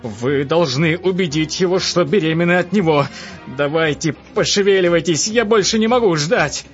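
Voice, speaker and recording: A man's voice: a little high, normal speed, pitched above the performer's own voice, lightly acted. A man doing a breathless, frantic king. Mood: breathless commanding. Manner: commanding, breathless, shrieking. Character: lustful panicky male king, breathless and shrill. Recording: dull lo-fi audiobook with faint music.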